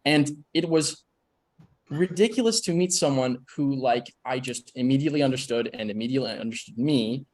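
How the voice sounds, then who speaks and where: A young man of about twenty talks on a panel in a candid, reflective way. He drops "like" again and again as he feels for his words. His voice sits at an ordinary middle pitch. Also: moderate pace, darkish tone. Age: 20s. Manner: candid, reflective, many fillers like "like". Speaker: actor on a panel. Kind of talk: personal sharing on a panel.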